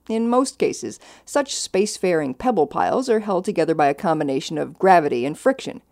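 Lively woman hosting science news. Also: mid-range voice. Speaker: science podcast host. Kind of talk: scripted science news narration.

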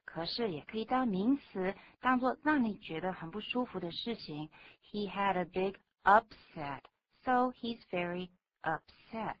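A woman's voice of middle pitch, reading English example sentences slowly and clearly on a radio lesson. The sound is muffled and lo-fi, like an old broadcast. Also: expressive. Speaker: English co-host, model reader. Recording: dull lo-fi radio recording.

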